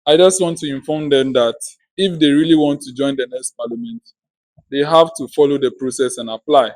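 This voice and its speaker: A man's voice: medium pitch, brisk, darkish tone, dry recording. A man making a formal, polite and orderly announcement to parliament as one of its members. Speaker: interim MP and outgoing parliament speaker.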